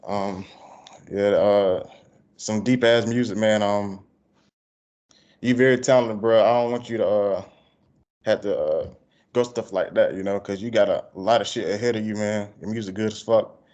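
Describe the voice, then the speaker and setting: A man's voice: on the low side, fairly even intonation, normal speed, darkish tone. Male interviewer, country Georgia Southern accent, casual slangy delivery, muffled lo-fi sound. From Georgia, United States. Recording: dull, lo-fi call audio.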